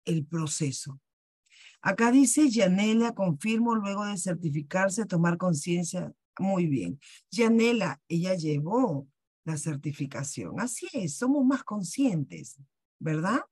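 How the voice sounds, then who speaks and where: Selling persuasively during a video-call wellness workshop, a woman with a Peruvian Spanish accent poses rhetorical questions in her sales pitch. She has a fairly low, slightly rough voice with a darkish tone, and the recording is dry and studio-clean.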